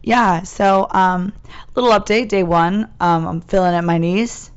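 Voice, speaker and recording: A woman's voice: on the low side, fairly even intonation, measured pace, smooth, muffled recording. Chatty young woman with a worn voice. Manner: chatty, giggly, loose swearing. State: voice partly worn out. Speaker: podcast co-host. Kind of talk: casual chat.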